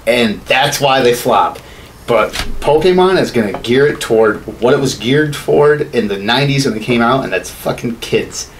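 In a small home studio, a man in his thirties co-hosts a podcast, casually voicing blunt, profanity-laced opinions through a boom-arm desk mic. He's expressive with a medium-pitched voice at a normal speed, over clearly audible background noise.

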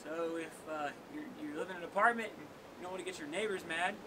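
A young man hosting an outdoor workout, joking and counting down for viewers in a seaside cave. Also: fast talker. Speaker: workout host. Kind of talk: casual workout coaching. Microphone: camera on tripod at a distance. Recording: noisy outdoor recording with wave rumble.

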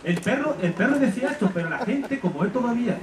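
An animated storyteller from Spain entertains children, his fairly high voice bouncing up and down as he stops and restarts. He sounds far from the mic in an echoey room, and a crowd murmurs behind him. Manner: animated, halting narration with restarts. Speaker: storyteller and author. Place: live storytelling session.

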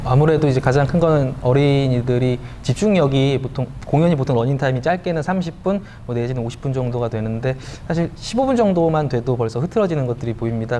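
A man's voice: mid-range voice, warm tone. A man who works as a musician, giving explanatory answers in an interview. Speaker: musician in a performance troupe. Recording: faint background noise.

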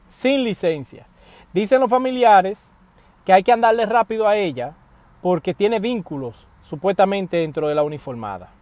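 A high-voiced man delivers casual news commentary to camera from a parked car, with no room sound audible. Speaking animatedly into a wired earphone mic, he appeals directly to viewers with emphatic pleas.

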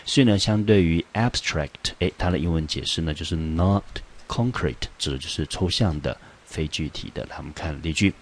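A man's voice: rumbling low, normal speed. A man with a Taiwanese Mandarin accent teaching an English vocabulary lesson, patiently explaining and repeating the key words.

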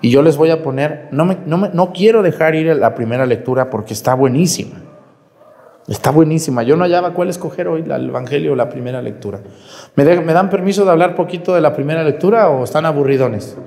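A priest giving a homily in a lively, conversational way, his voice swinging up and down as he addresses the congregation. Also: fairly high pitch, quick pace, vocal fry, big-room sound. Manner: lively, conversational preaching with sudden rises and drops.

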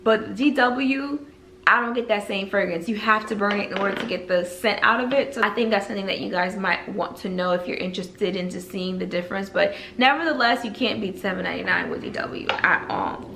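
A woman's voice: medium pitch, brisk, vocal fry, background noise. A young woman in her twenties, showing off and gushing over candles in a casual home haul video. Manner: gushing, enthusiastic. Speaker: beauty vlogger. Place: living room at home.

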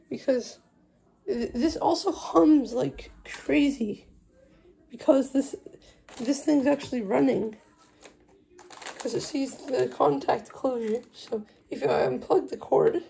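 Filmed on a moving handheld phone in a small wooden-floored room, a video host talks informally through her hands-on phone system project while working with the equipment. Her voice is high-pitched and mellow with vocal fry.

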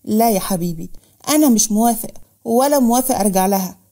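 A woman voicing a stern older man, a father and guardian, with an Egyptian accent and a firm, calm manner, in a storybook reading. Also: fairly high pitch, fast talker.

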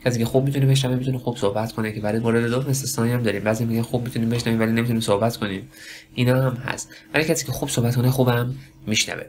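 A man teaching a spoken lesson for test preparation, talking slowly in broken phrases and asking himself questions. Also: mid-range voice, steady tone, slight background noise. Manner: slow, halting delivery with many pauses and self-questions. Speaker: English test prep teacher.

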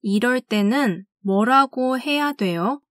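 A woman teaching language, reading classroom phrases slowly and carefully and saying each one twice. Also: a little high, animated, dry recording, clean studio sound. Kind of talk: scripted phrase drill.

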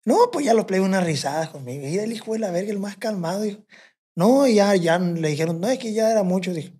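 Husky Sinaloan man telling a rowdy story. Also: high voice, expressive, fast talker, mellow. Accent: Sinaloan Mexican Spanish. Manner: rambling, profane, quotes himself and others. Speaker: podcast guest. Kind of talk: casual storytelling.

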